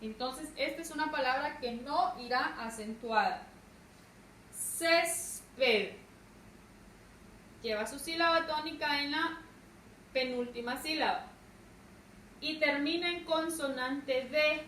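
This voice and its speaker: Woman teacher for a lesson, unhurried delivery, stressed syllables, recorded from a distance in a faintly noisy room. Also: high voice, pushed and bright. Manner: slow, deliberate, stresses syllables. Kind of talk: classroom grammar lesson. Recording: echoey room, distant mic, faint noise.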